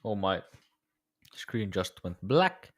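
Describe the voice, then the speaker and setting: Tired low-voiced man streaming his trading. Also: big pitch swings, slow, a little hiss or hum. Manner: laid-back, musing, talks to viewers. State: tired, voice slightly worn. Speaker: day-trading livestreamer. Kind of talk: casual live-stream commentary.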